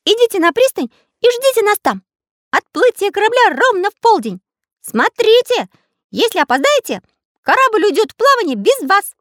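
Karandash, woman doing a squeaky eager painter. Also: very animated, moderate pace, a bit bright, dry recording, studio quality, full character voice. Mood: excited. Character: excitable boy-like magic painter.

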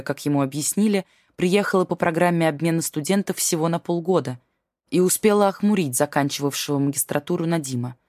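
A woman reading a novel aloud as audiobook narrator, in a measured, even way. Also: low-pitched, no echo, studio quality. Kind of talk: scripted narration.

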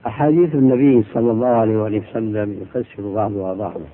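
A man, a religious scholar, answering questions in a lecture, explaining points in a measured, deliberate way and stressing key words. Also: fairly low pitch, steady tone, slight background noise. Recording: tinny old phone-like recording.

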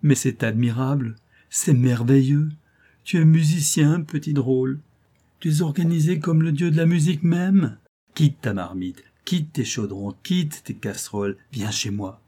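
A man's voice: mid-range voice, expressive, fairly quick, dark tone, husky. A man voicing an enthusiastic, effusive male music master in a storybook reading. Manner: effusive, exclamatory.

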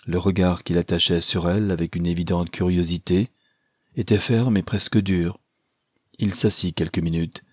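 A man reading a classic novel aloud as a narrator, measured and even. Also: low voice, breathy edge, no room sound, clean studio sound. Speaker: audiobook narrator. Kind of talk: scripted narration.

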